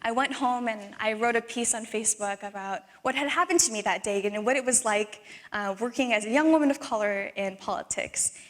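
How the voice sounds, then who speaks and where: A woman's voice: on the high side, a little fast. A young woman in her twenties from the Philippines, giving a talk and performing a spoken word poem with earnest, rhythmic emphasis. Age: 20s.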